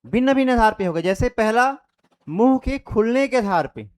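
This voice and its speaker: A man's voice: very high voice, animated, normal speed. A young man teaching an online Hindi grammar lesson, explaining step by step and demonstrating vowel sounds aloud. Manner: explains step by step with repeated checks.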